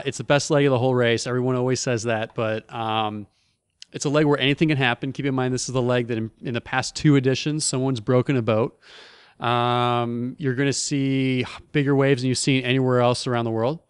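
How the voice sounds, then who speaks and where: A man co-hosting a relaxed sailing talk show. His voice is smooth and resonant, and the sound is dry and close with no room echo. He speaks with eager energy and often backs up to restart a phrase. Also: mid-range voice, brisk. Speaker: co-host, former onboard reporter. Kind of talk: casual chat.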